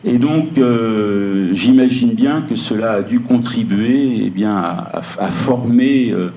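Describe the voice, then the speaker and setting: A man interviewing an artist, asking long questions in a slow, halting way with many fillers. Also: mid-range voice, warm tone. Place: lecture room. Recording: echoey room with faint noise.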